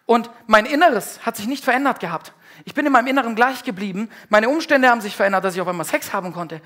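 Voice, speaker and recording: A man preaching a sermon to a congregation. He talks in a slangy, emphatic way, swinging from loud outbursts to hushed confessions. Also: very high-pitched, lively intonation, fast talker. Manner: colloquial, slangy. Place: church service before a congregation.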